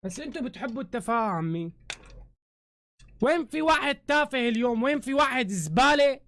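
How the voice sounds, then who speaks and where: A Syrian man with a Syrian Arabic accent, ranting heatedly on a live stream, swearing oaths and shouting in bursts. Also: very high-pitched, animated, fast, no echo. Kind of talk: angry live-stream rant. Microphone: phone camera.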